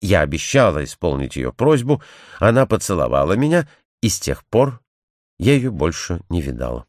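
A man voicing a timid young blonde woman who earnestly tells what she witnessed, in a measured storytelling manner. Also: sits low, sing-song, dry recording, studio quality.

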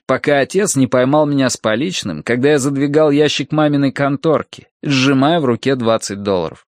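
Lively male audiobook narrator. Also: mid-range voice, no room sound, studio quality. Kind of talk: expressive audiobook reading.

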